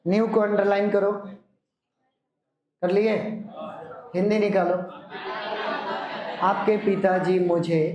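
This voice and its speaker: Male English teacher, high voice, firm classroom instructions, echoey room. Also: steady tone, darkish tone, muffled recording. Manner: slow dictation, firm instructions. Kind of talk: classroom grammar lesson.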